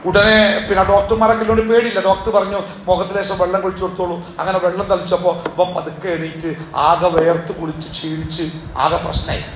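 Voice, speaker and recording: Middle-aged male preacher, high-pitched and animated, preaching in a reverberant hall with light background noise. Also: fast talker. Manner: animated, rhetorical questions to the audience. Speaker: Islamic speaker. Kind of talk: storytelling sermon. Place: hall at a family gathering. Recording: echoey hall.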